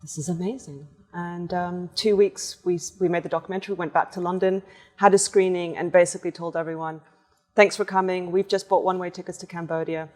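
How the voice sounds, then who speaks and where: A woman artist guest with a fairly low voice tells stories from her life in a lively, conversational way. Her voice carries a long reverb tail in the room. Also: a little fast. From born in Portugal, raised in several countries. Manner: lively anecdotal storyteller. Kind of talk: conversational storytelling.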